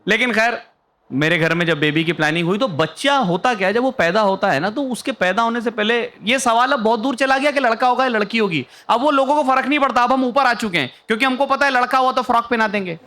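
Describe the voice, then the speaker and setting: High-voiced man doing stand-up comedy. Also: background noise. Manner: storytelling, acting out other people's lines. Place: stage before a live audience.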